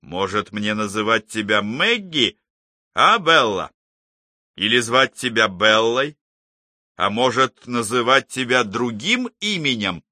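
A man's voice: mid-range voice, big pitch swings, slow, sharp tone, no room sound, clean studio sound, full character voice. A man voicing a coaxing male psychologist. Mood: pressing. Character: calm, persistent male psychologist probing a patient.

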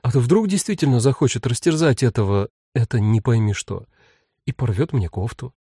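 A composed mother gives firm orders in an even, mellow voice, as a male narrator reads her. The sound is dry and close. A storybook parent holding things together. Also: medium pitch, moderate pace, breathy edge, no echo. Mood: stern. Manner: firm, commanding. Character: stern, composed mother of three, woman.

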